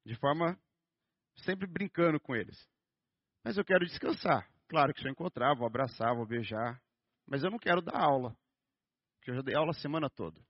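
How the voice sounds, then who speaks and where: A man with a Brazilian Portuguese accent preaching a sermon in a conversational way, with joking asides and a slow, stressed reading of scripture. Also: mid-range voice, animated, no room sound. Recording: dull, dry lo-fi sound.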